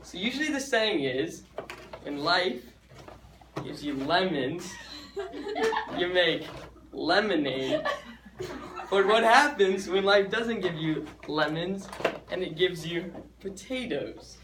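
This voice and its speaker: A man's voice: high-pitched, animated, slow pace, pauses often, noisy background. Young man in an echoey hall. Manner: chatty, joking, stumbles over words. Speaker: student speaker. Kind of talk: nervous student talk. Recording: echoey hall, mic far off.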